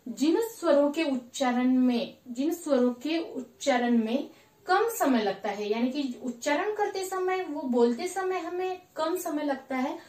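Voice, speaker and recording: A woman teacher with a high voice talks her class through a grammar lesson at an unhurried pace. She asks questions and answers them herself, repeating each point. She is heard from a distance, in an echoey room. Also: darkish tone.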